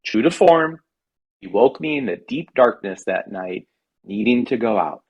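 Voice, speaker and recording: The audio is dull as an American man from California reads his comic personal essay in a wry, mock-dramatic way. His mid-range voice has lively intonation and a slightly rough texture, and he takes his time.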